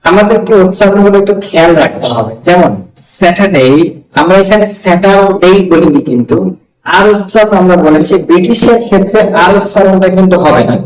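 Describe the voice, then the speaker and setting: A man's voice: high voice, expressive, far from the mic. Man teaching careful pronunciation, echoey room. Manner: slow, careful word-by-word pronunciation drills; opens and closes with Islamic greetings. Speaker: English teacher. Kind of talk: beginner language lesson.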